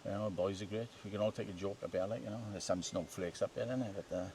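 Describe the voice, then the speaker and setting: A man's voice: on the low side, steady tone, very fast, dark tone. An older man with a Welsh Valleys accent, chatting casually and colloquially about local life as a lifelong resident. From South Wales Valleys. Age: late 50s or older. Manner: colloquial, tags sentences with "like" and "innit". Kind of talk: casual reminiscing chat. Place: outdoors in a former colliery village. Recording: distant mic, outdoor ambient noise.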